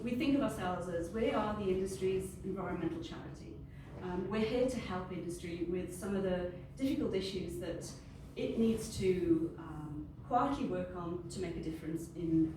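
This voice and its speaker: A middle-aged woman from Wales, Welsh her first language, gives a friendly, unscripted informal presentation to a group as an industry panel speaker. Her lowish voice has lively intonation and a moderate pace with hardly any pauses. The recording comes from a very echoey room with a distant mic and ambient noise.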